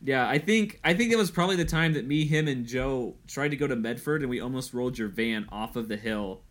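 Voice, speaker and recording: A man's voice: mid-range voice, animated, brisk, a bit bright. A young adult man hosting a podcast in casual chat, telling a story animatedly and acting out quotes. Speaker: podcast host.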